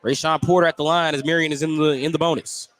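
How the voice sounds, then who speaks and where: Speaking quickly in a slightly high, somewhat bright voice with little pitch movement, a man narrates live basketball action for radio in continuous detail. He broadcasts courtside from a school gym amid background noise.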